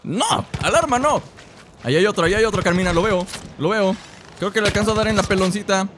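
Mexican man, slightly high voice, chatty gameplay commentary, tired throat, noisy recording. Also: fast talker. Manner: chatty, talks to his companion and the audience, bursts into excited shouts. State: tired throat, lozenge in mouth. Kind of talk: casual let's-play commentary.

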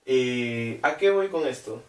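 A man's voice: medium pitch, expressive, slow, recorded from a distance. A man giving a recorded class lesson, explaining step by step with many fillers and frequent checks with his students. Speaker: teacher. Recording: roomy, away from the mic.

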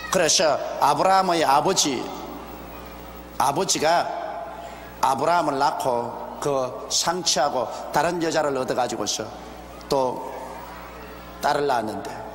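Older male preacher at a pulpit mic, measured delivery with rhetorical questions, long church reverb. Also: a little high. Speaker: pastor. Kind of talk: expository sermon. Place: large church sanctuary, behind a wooden pulpit. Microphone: pulpit microphone. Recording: roomy, echoey hall with faint ambience, older broadcast video.

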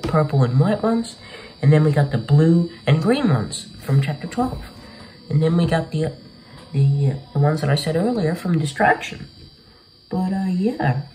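A young man records game commentary in his small bedroom, talking to viewers in a loose, slangy manner. His voice is fairly high but dark in tone, and the recording is rough. Music can be heard in the background.

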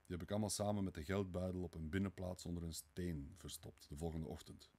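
A man reads a worn-out young man who answers curtly and mutters, lost in thought. The voice is very low and husky, close to the reader's own. It is an audiobook reading. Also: fairly even intonation, quick pace, mellow. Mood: brooding. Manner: tired, curt and muttering. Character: weary, brooding young male murderer.

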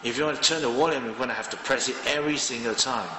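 Racing along in a mid-range voice, a Malaysian man in his thirties films a gadget review on a handheld phone at his home desk. He chats casually and thinks aloud, leaning on fillers. Background noise, music and long reverb fill the roomy recording.

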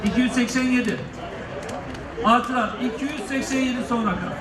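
A man's voice: very high voice, a little fast, a crowd in the background. A man working as an auctioneer, calling bids at a live auction with repeated figures and last-chance calls. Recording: echoey noisy room, distant mic.

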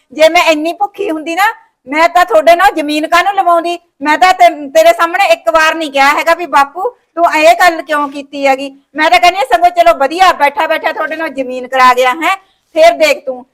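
A woman with a high, slightly bright voice acts as a sulking sister-in-law in a family short film. Speaking with a Malwa Punjabi accent, she complains indignantly, refuses every offer, and talks over objections.

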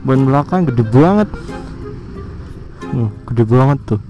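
A young motovlogger chats and jokes to himself while riding through city traffic, teasing other riders in slangy commentary. His mid-range voice is expressive and warm, at a measured pace. The recording is muffled, with faint music behind him.

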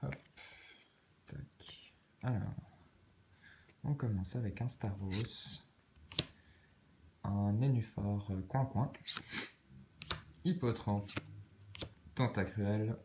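A man with a Swiss French accent, calmly muttering card names and soft exclamations as he opens packs in a casual vlog. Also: on the low side, very slow, pauses often, noisy background. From Switzerland. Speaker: card-opening vlogger. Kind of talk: casual commentary while opening cards.

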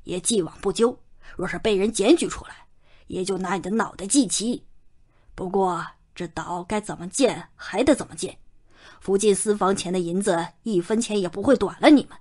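A woman's voice: mid-range voice, normal speed, darkish tone, natural voice. A woman voicing a stern young male Qing prince who scolds coldly and scornfully in an audiobook. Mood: cold threatening. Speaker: audiobook narrator.

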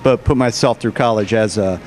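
An American cafe owner in his forties talks casually about his business in an interview, speaking a little fast in a fairly low, darkish voice. He stands behind the counter inside his cafe, picked up by the interviewer's handheld mic. Background noise on location comes through clearly.

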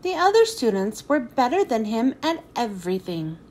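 Reading a kids' picture book in a lively, expressive way, this woman finishes by thanking those listening. She speaks at a normal pace with a voice on the high side.

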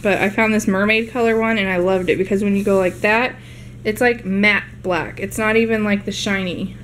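At home in her living room, a young vlogger narrates a casual grocery haul to a handheld camera, chatty and rambling in her show-and-tell. Her voice is medium-pitched and a bit bright, with fairly even intonation at a normal speed, and a little hiss or hum sits under the audio.

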